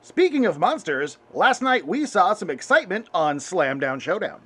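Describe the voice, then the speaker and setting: A dry, matter-of-fact puppet news anchor, voiced by a man. His voice is high and animated, rising and falling through deadpan lines. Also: moderate pace, breathy edge, heavily acted. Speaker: host. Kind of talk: comedic spoof news.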